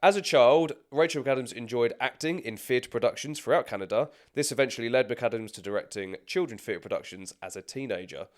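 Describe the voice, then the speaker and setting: A man's voice: mid-range voice, a little fast, few pauses. A man co-hosting a film podcast who chats casually, restarts his sentences and reads out a scripted career rundown. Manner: chatty, stumbling restarts, frequent laughter. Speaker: podcast co-host.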